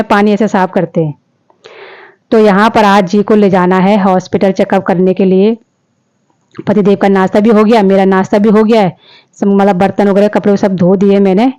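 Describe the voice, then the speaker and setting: Chatty woman narrating her day, mellow voice. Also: medium pitch. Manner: chatty, repeats herself, quotes family members. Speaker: vlogger. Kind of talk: casual voice-over narration.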